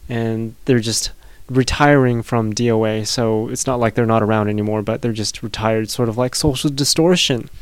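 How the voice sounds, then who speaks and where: A man hosting a radio music show, talking in a flat, emotionless, robotic monotone as he introduces and back-announces songs. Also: medium pitch, moderate pace, hardly any pauses, clear, resonant tone, no echo. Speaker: radio host of a punk rock music show.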